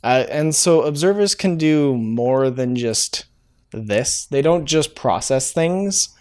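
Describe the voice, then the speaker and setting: Slow and expressive, with a mid-range, slightly mellow voice, this man leads a casual programming tutorial as he codes live. He thinks out loud, dropping frequent "uh"s and correcting himself, while typing and clicks fill the background.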